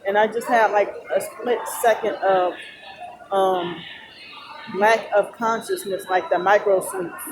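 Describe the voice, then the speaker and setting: A sleep-deprived woman talks in a tired, halting ramble, as if to a vlog audience. Her voice sits at a middle pitch. Clear background noise from a busy indoor mall surrounds her. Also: steady tone. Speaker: vlogger. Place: loud indoor shopping mall. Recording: noisy mall ambience behind voice. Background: loud talking and mall noise.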